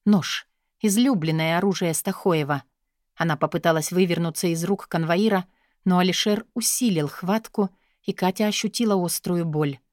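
A woman narrating an audiobook in an expressive, steady storytelling manner. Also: on the low side, normal speed, dry recording, clean studio sound. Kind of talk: scripted narration.

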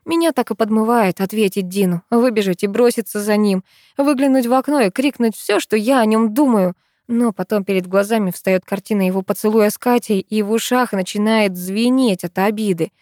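A woman's voice: mid-range voice, brisk, a little mellow, no echo, clean studio sound. A woman reading a first-person story aloud in an earnest, emotional way.

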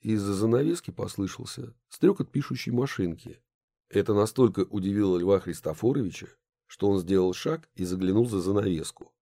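A man narrating an audiobook in a measured storytelling manner. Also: lowish voice, creaky, mellow, no room sound. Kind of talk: scripted narration.

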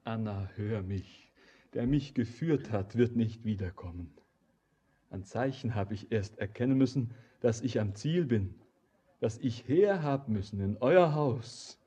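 A brooding young wanderer in a radio play, super husky, slow, voice swings up and down a lot. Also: male voice, lowish voice, animated. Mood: calm, earnest. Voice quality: husky, hushed and intense, dropping often to a whisper. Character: brooding young man, a wanderer who wants to be a miner. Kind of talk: verse radio drama acting.

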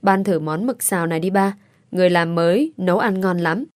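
A dutiful young son who speaks politely and a little hesitantly, as a woman reads him in a storybook. The voice is slightly low and sounds dry and close. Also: a little fast, no room sound, natural voice. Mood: persuasive.

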